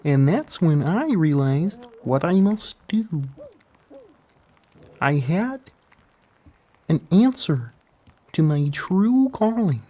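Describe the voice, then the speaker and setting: Kermit the Frog, slow and hushed. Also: male voice, fairly high pitch, sing-song, highs cut off, exaggerated voice. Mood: solemn, scheming. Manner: soft-spoken, theatrical, halting dramatic pauses. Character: Kermit-like male frog puppet, eccentric, earnest Bigfoot believer. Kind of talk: whispery ASMR storytelling and roleplay.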